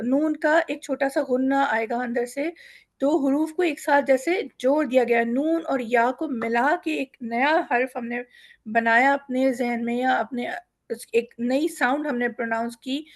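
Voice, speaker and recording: High-voiced woman teaching Quran reading. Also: fairly even intonation. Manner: explains patiently, slowly drawing out example words for students to repeat; mixes English words into her speech. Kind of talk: step-by-step lesson explanation.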